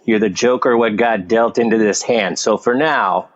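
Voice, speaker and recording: A man playing a surly, thuggish, slow-witted commissioner with slangy tough talk in an old-time radio play. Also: fairly low pitch, lo-fi sound, close to an everyday voice.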